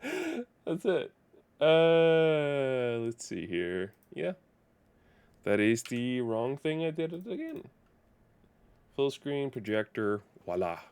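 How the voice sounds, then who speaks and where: A man's voice: mid-range voice, very animated, slow, long pauses, a little mellow, clean tone. A man live-streaming a video game, chatting casually in a rambling, self-correcting way.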